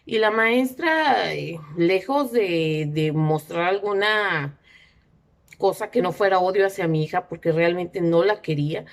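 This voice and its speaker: A middle-aged woman recounts a personal story in a slightly low voice. She talks casually and haltingly, with many fillers and restarts, and sounds indignant. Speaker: mother telling her story.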